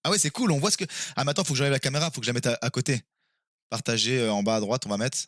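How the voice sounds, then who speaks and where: A man plays a quiz game live with his stream viewers, getting excitable and quickly exclaiming or swearing whenever he's stuck. His voice sits at medium pitch, and the studio sound is clean with no echo.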